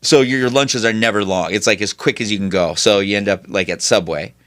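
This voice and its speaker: Profane, animated male podcast host. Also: lowish voice, a little fast, dry recording, clean studio sound. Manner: profane, animated storytelling with mocking put-on voices. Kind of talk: casual chat.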